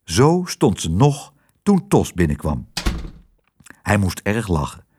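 A man's voice: lowish voice, takes it slowly, breathy edge. A man narrating a children's audiobook, telling it expressively. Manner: expressive storytelling.

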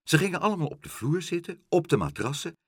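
Brief: male storybook reader, hugely animated delivery, husky, dry close sound. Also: a little high, fast talker, dry recording. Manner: very lively, expressive storytelling. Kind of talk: children's book read aloud.

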